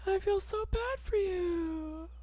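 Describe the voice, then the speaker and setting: A man putting on a high, soft, pitying voice to baby and comfort himself. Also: slow pace, no echo. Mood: cooing. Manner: soft, babying coo. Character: cooing, pitying falsetto comforter.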